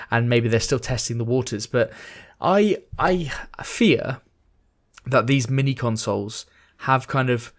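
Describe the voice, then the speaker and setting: This is a man co-hosting a gaming podcast, chatting casually. He gets excited easily, swears freely and talks things up. His voice sits in an ordinary middle pitch. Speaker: podcast co-host.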